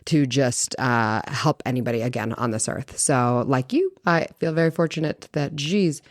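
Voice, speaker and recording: A woman in her forties, co-hosting a podcast, telling animated stories with frequent laughter. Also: very deep voice, normal speed. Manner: animated storyteller, laughs often. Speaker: podcast co-host. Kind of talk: casual chat.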